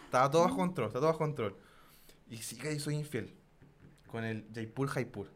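A man's voice: medium pitch, expressive, a little fast. A man with a Chilean accent co-hosting a casual podcast chat, teasing and joking and laughing often. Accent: Chilean Spanish. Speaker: podcast co-host. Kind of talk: casual chat about board games.

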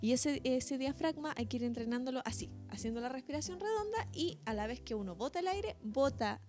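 A woman's voice: high voice, fairly quick, faint music behind. Emphatic Chilean woman explaining. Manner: explains step by step, emphatic, animated. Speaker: teacher and voice coach. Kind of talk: casual instructive chat.

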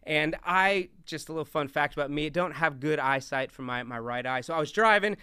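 A young youth speaker with a big, loud, bright and crisp voice, a bit higher than most men's, preaches a lively stage talk on scripture at a fairly quick pace. Animated, he talks with his hands and keeps moving around the stage. The recording is dry and close.

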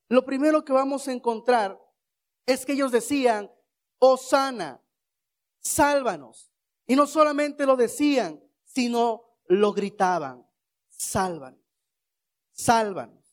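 A man preaching a sermon, asking rhetorical questions and leading the congregation in shouted responses. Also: very high voice.

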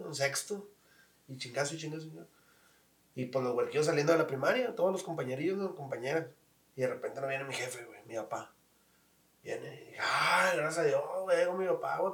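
A man's voice: a little high, reverberant, distant mic. A man, hosting a casual chat and telling stories in slang, acting out the voices of the people in them. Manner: storytelling, slangy, acts out voices in his anecdotes. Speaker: podcast host.

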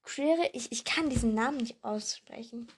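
A woman's voice: a little high, normal speed, slightly rough. A woman voicing a nervous, stammering young male teacher in a storybook reading. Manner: stammering, timid.

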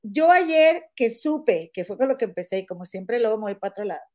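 A woman hosting a casual gossip podcast, chatty and animated, often calling her listener "comadre". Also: a little high, brisk. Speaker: podcast host.

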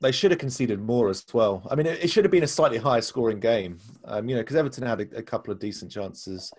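A man's voice: mid-range voice, lively intonation, fast talker, a little mellow. A man discussing football casually as a podcast co-host, explaining his points analytically.

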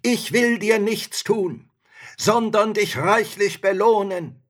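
Guy doing a big proud bottle spirit, high loud drawn-out yells, storybook style. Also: steady tone. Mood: wheedling. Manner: drawn-out, booming shouts. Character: huge arrogant male bottle spirit, menacing and whiny. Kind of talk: storybook reading.

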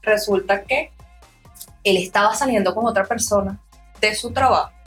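A woman hosting a podcast in a studio, telling a story in an animated way and acting out the people in it. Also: mid-range voice, normal speed, faint music behind. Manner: animated storyteller, acts out quoted voices. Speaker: podcast host.

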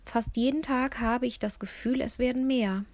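A woman voicing a frail, kindly, slightly muddled very old lady in a children's storybook, in a high, gentle voice. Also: steady tone, moderate pace, dry recording, natural voice. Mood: chatty. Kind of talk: storybook character voice.

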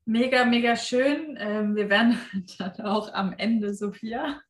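A woman's voice: a little high, slow pace, reverberant. A German-speaking woman hosting a casual podcast interview, laughing often and talking with plenty of fillers. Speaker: podcast host.

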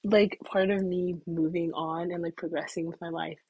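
A woman's voice: fairly low pitch, flat delivery, moderate pace, darkish tone, breathy edge, poor audio. A young woman telling a casual story to camera, chatty and full of "like", sometimes dropping into whispers. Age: young adult. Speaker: vlogger.

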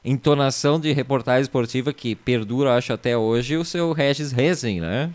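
A man's voice: medium pitch, moderate pace, a little mellow. A man hosting a live-stream talk show in an easygoing, jokey manner. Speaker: host.

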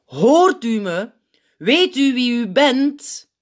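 Lady reading as a bossy stern head elf, loud and high, snaps at everyone, storybook voice. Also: expressive, normal speed. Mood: urgent. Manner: loud, commanding, irritable. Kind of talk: audiobook character reading.

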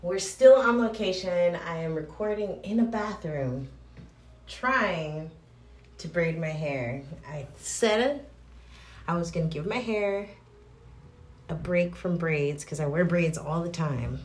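A woman's voice: fairly low pitch, animated, slow pace, far from the mic. A woman vlogging while braiding her hair in a small bathroom, chatting and correcting herself as she recommends movies, with a cave-like echo around her voice. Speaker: vlogger reviewing films. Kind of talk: casual rambling chat. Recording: echoey bathroom with faint hiss.

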